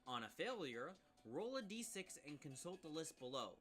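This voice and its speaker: Man, live-stream reviewer, casual chat, bright tense tone, frequent asides to viewers. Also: fairly high pitch, big pitch swings, moderate pace, soft background music. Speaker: streamer reviewing a game class.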